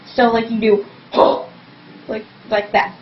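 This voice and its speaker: A rambling girl with a slightly high, steady voice speaks at a normal pace, packing "like" into every phrase. She's a vlogger giving a casual home tutorial on scream technique, captured with dull lo-fi webcam audio and a faint hum.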